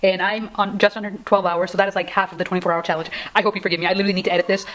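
A young adult woman vlogs casually from a room at home for a chatty challenge video, rambling, self-deprecating and melodramatically pleading. Her medium-pitched, fairly bright voice is flat in delivery and very fast.

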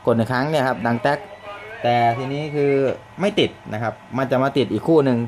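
A man with a middle-pitched voice walks through a product demo in a casual, polite way, repeating himself and filling pauses. He is recorded indoors in a shop or workshop. Faint noise sits behind him. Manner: polite, repeats phrases, many fillers. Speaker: product demonstrator.

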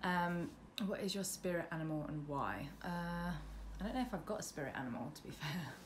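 A British woman in her mid-twenties vlogs from her bedroom window overlooking a road, her low voice animated and a little fast as she chats casually to camera and answers questions in an informal, self-deprecating way. The camera sits on the windowsill about arm's length away, and the noisy room picks up light road noise and passing traffic from the busy road.

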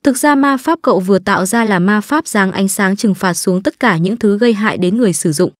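A woman narrating an anime story recap from a script, brisk and lightly joking. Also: mid-range voice, no echo, studio quality.

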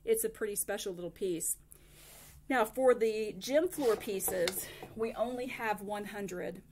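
A woman's voice: medium pitch, unhurried, noisy background. An older woman giving a friendly, informal school announcement to a laptop camera in a small office, with fillers and restarts. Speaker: school district administrator. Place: small office in front of a whiteboard. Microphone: laptop webcam at close range.

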